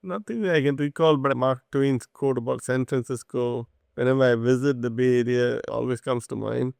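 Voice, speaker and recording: Man from Singapore, gravelly voice, dry close recording, explanatory interview answers. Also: mid-range voice, steady tone, moderate pace, a little mellow, dry recording. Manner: thoughtful, explanatory. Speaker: guest, startup founder.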